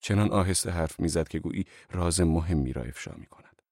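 A man narrating an audiobook in the first person, measured and calm. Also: sits low, no echo, studio quality.

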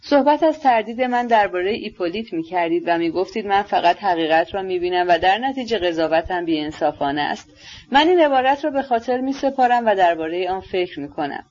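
A woman voicing a gentle, sincere young man who speaks mildly and softly, in a dull lo-fi recording. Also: mid-range voice, lively intonation, natural voice. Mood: earnest, gentle.

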